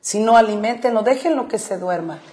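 A woman's voice: a little high, animated, fairly quick, mellow, a little hiss or hum. A woman co-hosting a faith-based marriage advice talk show, explaining Bible verses emphatically and repeating her points, with English fillers slipped into her speech. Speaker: radio co-host.

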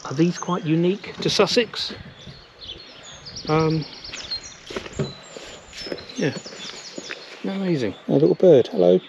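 A vlogger in his fifties films himself on a casual walk through a village's church and lanes outdoors, chatting enthusiastically into a handheld camera mic held at arm's length. His slightly high voice has vocal fry and moves slowly with long pauses, and the lo-fi audio carries a noisy background.

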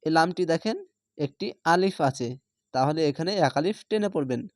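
A Quran reading teacher giving a slow, patient lesson, spelling out syllables one by one and then blending them into words. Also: mid-range voice, expressive, darkish tone, no room sound, clean studio sound. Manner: patient, repeats words slowly for learners.

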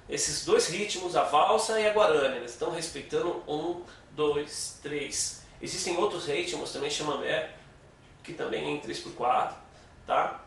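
A man's voice: a little high, creaky, fairly bright tone, a little hiss or hum. A Brazilian man giving a casual guitar lesson, patiently explaining and counting beats aloud. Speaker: guitar teacher. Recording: echoey room, mic at a distance, guitar playing.

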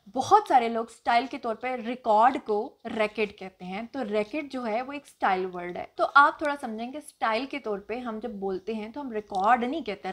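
Assertive Pakistani woman vlogger. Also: on the high side. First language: Punjabi. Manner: assertive, emphatic, self-assured. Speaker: vlogger host. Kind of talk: casual Q&A vlog answering comments.

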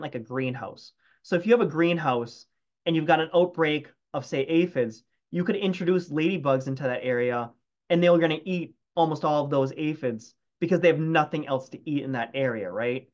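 Man, entomologist fielding questions on a call; higher voice, muffled lo-fi audio, stop-start delivery. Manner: hesitant, many restarts and fillers. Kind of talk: casual Q&A after a talk. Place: home room, video call.

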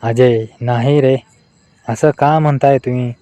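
A man reading out a string of short adult jokes in a flat delivery. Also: mid-range voice, unhurried, no room sound, lo-fi sound. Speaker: joke narrator.

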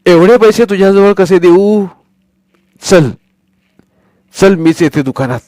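A man voicing a slow, loud old grandmother. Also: high voice, expressive, no echo, studio quality, pitched above the performer's own voice. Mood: fussing. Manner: slow, loud, drawn-out and fussing. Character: kind, trusting, hard-of-hearing old village grandmother.

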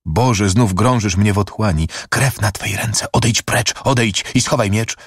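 A man's voice: deep voice, a little slow, breathy edge, no echo, studio quality, full character voice. A man reading a verse drama audiobook, voicing a young imprisoned woman, frantic with grief, who pleads in a raised voice and breaks into whispers. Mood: anguished.

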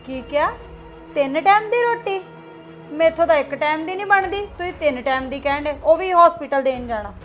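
A woman's voice: high-pitched, fast, few pauses, a bit bright, faint music behind. A young woman playing a defiant, self-centred daughter-in-law who argues back in a family drama skit. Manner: argumentative, talking back.

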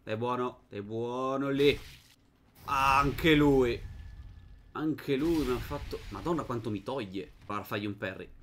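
A young man hosts a gaming channel, talking through a dark fantasy game in a loose, chatty way. His voice is bright and forward, and he talks to his viewers and to the game's characters as he plays. During tense fights his voice climbs into sudden excited shouts. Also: medium pitch, measured pace, slight background noise. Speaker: gaming video host. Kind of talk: casual let's-play commentary.

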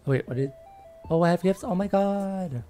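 A woman in her twenties chats casually on a livestream while she plays a game, bubbly and giggly and letting out lots of little cheers. Her voice is lowish and mellow at a normal speed, with soft music in the background.

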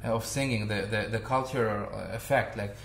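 A man's voice: on the low side, steady tone, normal speed, fairly bright tone, echoey room, a little hiss or hum. A man in his thirties from Armenia, a singer and vocal coach, talking casually with many fillers and restarts in a living room. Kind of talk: casual interview. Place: bright living room with large window.

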